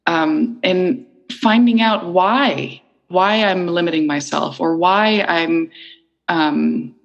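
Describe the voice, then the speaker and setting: Reflective woman, lowish voice. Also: slow, creaky, dull audio. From Iceland. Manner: thoughtful, searching for words, frequent fillers. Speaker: interview guest, cellist. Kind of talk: reflective conversational interview.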